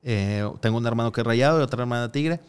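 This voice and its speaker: A podcast guest, a man, talks in a smooth, clear voice at a middling pitch. He rambles through anecdotes, pausing on fillers and acting out what others said. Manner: rambling storyteller, frequent hesitations and acted-out quotes. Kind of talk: casual podcast conversation.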